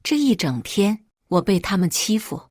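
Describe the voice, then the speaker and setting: A woman narrating a first-person family drama story in an emotive, expressive way. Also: mid-range voice, moderate pace, no echo, clean studio sound.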